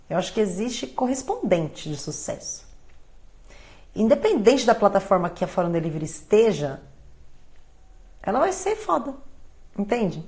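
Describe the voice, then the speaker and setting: A woman with a Brazilian Portuguese accent hosting a casual live Q&A, blunt and animated, acting out phone calls as she answers viewer questions. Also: medium pitch.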